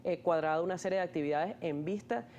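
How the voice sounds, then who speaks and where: A fast-talking ENT doctor with a fairly high, slightly mellow voice patiently explains terms in an interview, hesitating and often restarting sentences with fillers. The recording is muffled, with slight background noise.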